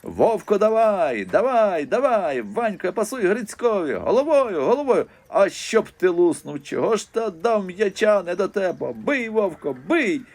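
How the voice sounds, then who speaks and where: A man voicing an old village man who shouts nonstop at the football players from the stands in an audiobook. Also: medium pitch, fairly quick, few pauses, pitched above the performer's own voice, natural voice. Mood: yelling. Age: over 60.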